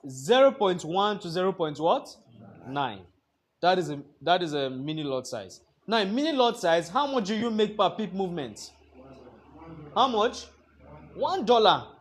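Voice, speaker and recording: A man with a notably high voice leads a trading lesson in a classroom. He lectures and keeps throwing half-finished questions at the students for them to complete. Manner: quizzing the class with fill-in-the-blank questions. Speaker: trading instructor.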